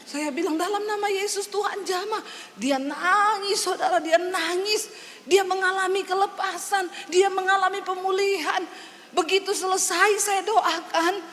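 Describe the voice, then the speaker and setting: A woman pastor preaching at an unhurried pace in a high voice, telling stories and acting out conversations with playful jokes. Her voice carries a long hall reverb over faint background noise. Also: fairly even intonation, sharp tone. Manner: storytelling, joking, acting out dialogue. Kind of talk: sermon.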